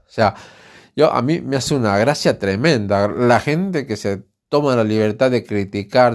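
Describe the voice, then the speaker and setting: A man's voice: on the low side, darkish tone. A man with a Spanish accent from Spain, hosting a casual solo podcast from home, talking in a rambling, candid and outspoken way. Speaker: podcast host. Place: alone at home.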